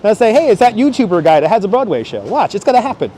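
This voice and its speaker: Quick-paced and very animated, this livestream host has a warm voice that sits high. Out on busy Manhattan streets, he chats playfully and exclaims to viewers while exploring, using a wireless clip-on microphone amid outdoor city sounds.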